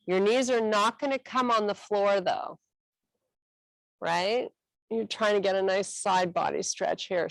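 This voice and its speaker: A woman guides a stretching class, talking students through each position with calm, encouraging cues. Her delivery is slow and unhurried, with a gravelly texture to her voice. The sound is dry and close. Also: mid-range voice, no echo, low-quality recording.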